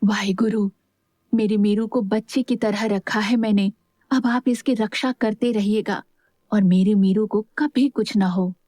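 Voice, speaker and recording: A woman voicing a gruff but tender young husband, speaking curtly in a lowered voice. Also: fairly even intonation, a little slow, warm tone, no room sound, studio quality, lightly acted. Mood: prayerful. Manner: curt, lowered voice.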